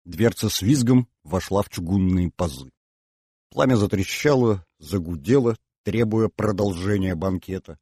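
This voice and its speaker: Husky, low-voiced male narrator. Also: moderate pace, mellow, dry recording, studio quality. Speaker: audiobook narrator. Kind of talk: scripted narration.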